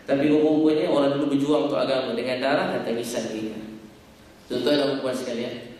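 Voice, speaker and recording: A man's voice: mid-range voice, fairly even intonation, fast, darkish tone. A male preacher giving an earnest, emotional sermon full of stories and rhetorical questions. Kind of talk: religious sermon. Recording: echoey hall, distant mic, faint ambience.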